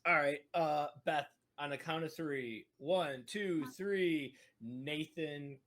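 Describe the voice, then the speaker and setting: A man's voice: on the high side, slow pace, a bit bright. A man co-hosting a racing podcast in casual chat, loose and jokey, laughing often and acting out other people's lines. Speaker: podcast co-host.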